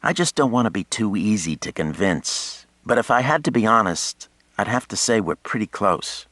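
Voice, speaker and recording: A man voicing a quick-witted young woman of about twenty in an audiobook, teasing and eager. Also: lowish voice, expressive, a bit bright, no room sound, pitched above the performer's own voice. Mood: playful. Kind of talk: audiobook character voice.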